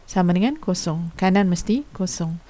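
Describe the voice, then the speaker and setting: A woman teacher gives a recorded lesson, explaining patiently and informally, asking her students questions and using frequent fillers. Her voice is fairly low and dark in tone, animated, at a moderate pace.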